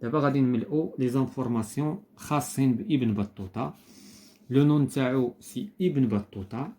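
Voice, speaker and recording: A man with a Moroccan accent explaining a primary school lesson, slowing down to spell out phrases carefully. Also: mid-range voice, dark tone. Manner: switches between Moroccan Arabic and slow, deliberate French. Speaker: teacher.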